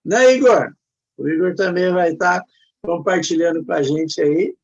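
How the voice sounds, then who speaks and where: Brief: male Brazilian host, raspy and somewhat high, halting and encouraging, muffled recording. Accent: Brazilian Portuguese. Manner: hesitant, repeats fillers, encouraging. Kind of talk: casual online chat. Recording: muffled lo-fi audio.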